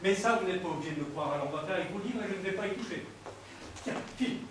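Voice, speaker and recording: A man's voice: high-pitched, very fast, noisy background. A man performing a live mentalism act on stage, teasing and joking with volunteers from the audience. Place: theater stage before an audience. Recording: echoey hall recorded from far off, with crowd ambience.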